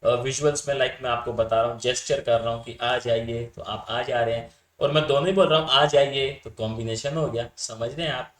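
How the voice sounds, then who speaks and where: A man teaches a class in a Hindi-English lecture on communication theory, explaining points casually and often checking whether his students are following. He talks fast with few pauses and fairly even intonation in a medium-pitched voice, and the sound is roomy.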